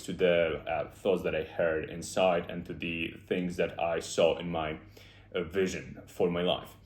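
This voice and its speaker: A deep-voiced man from Poland, a self-improvement YouTuber, delivers an unscripted motivational monologue. He sounds earnest and reflective, often filling pauses with "uh." The recording was made in an echoey room.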